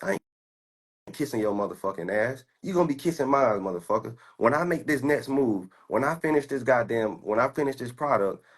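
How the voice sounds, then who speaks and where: Husky, profane young man boasting. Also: medium pitch, animated, a little fast. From United States. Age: 20s. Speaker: stock trader. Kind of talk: casual rant while screen-sharing.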